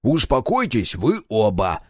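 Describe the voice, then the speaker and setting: A man reading an audiobook and voicing a male starship pilot who tries to calm the others down. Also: lowish voice, measured pace, no echo, studio quality, heavily acted. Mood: placating.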